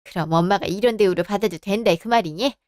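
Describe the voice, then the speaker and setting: A woman's voice: medium pitch, fast, a little mellow, no echo, studio quality, voice pushed down, natural voice. A woman voicing a haughty, indignant middle-aged mother-in-law who scolds sharply in a radio drama.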